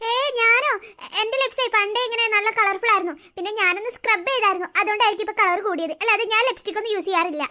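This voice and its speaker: A woman's voice: extremely high pitch, rapid-fire, pushed and bright. Paaru, a woman doing a cheeky cartoon schoolgirl. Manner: cheeky, defensive, sulky. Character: schoolgirl Paaru, cheeky fibbing younger sister. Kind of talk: cartoon voice acting.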